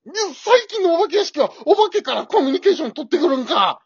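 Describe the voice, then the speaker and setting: A woman's voice: extremely high pitch, sing-song, fairly quick, no echo, full character voice. Woman playing a timid old Kansai husband. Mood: panicked. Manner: whiny, easily scared, blurts out. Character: timid grumbling elderly husband. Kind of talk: amateur radio drama. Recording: dull dry lo-fi recording.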